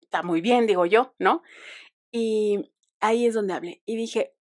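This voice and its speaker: A woman's voice: medium pitch, measured pace, a little mellow. A young Mexican woman hosting a podcast, telling a story in a chatty, digressive way with ironic asides. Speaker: podcast host. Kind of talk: casual monologue.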